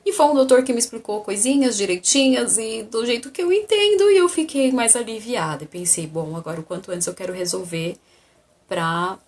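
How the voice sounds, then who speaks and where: A woman's voice: on the high side, fairly quick. A woman telling her own story in a casual vlog, acting out the dialogue as she goes. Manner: animated, acts out the dialogue.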